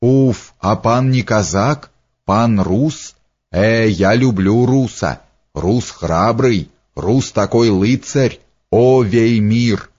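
A man voicing an excitable, fawning little man who speaks broken, exclaiming phrases. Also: lowish voice. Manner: broken grammar, exclamations, drawn-out words. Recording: dull lo-fi recording.

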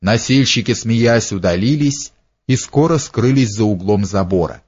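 Неспешный мужской голос чтеца. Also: male voice, on the low side, breathy edge. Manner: measured, even reading. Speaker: narrator. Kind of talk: audiobook narration. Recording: dull lo-fi recording.

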